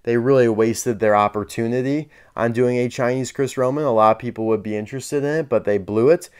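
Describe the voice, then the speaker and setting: A man's voice: medium pitch, a little fast, smooth. A man chatting casually as he unboxes and reviews collectible toy cars, candid and dryly sarcastic.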